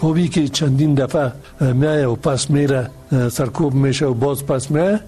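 A man answers an interview question earnestly, pausing and restarting as he thinks. His voice is mellow and sits at a medium pitch. Soft music plays faintly behind him. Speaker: interview guest.

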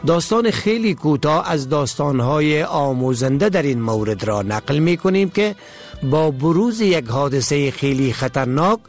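A man giving a measured, formal scripted radio narration. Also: a little high, lively intonation, faint music behind.

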